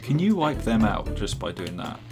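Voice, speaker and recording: A man's voice: on the low side, big pitch swings, moderate pace, loud music behind the voice. A man streaming live gameplay who rambles, jokes and chats with his viewers. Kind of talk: casual live gameplay commentary.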